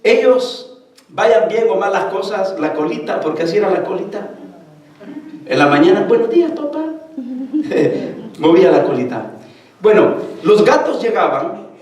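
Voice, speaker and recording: A man preaching a lively sermon as pastor, calling the congregation brothers. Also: sits high, unhurried, long pauses. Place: church sanctuary. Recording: echoey church hall from far off.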